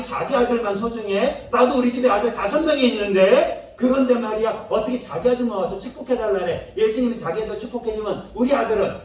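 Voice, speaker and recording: A man giving a playful children's sermon, telling the story with acted-out voices and questions for the kids. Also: high voice. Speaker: children's ministry preacher. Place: church worship room. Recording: very echoey room, mic far off.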